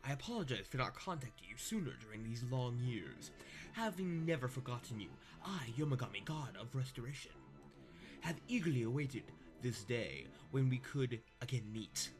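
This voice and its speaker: A man reading aloud the lines of an ancient male star god, flatly and with small stumbles. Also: mid-range voice, moderate pace, music in the background, natural voice. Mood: solemn. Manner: reads the lines flatly, stumbling over words.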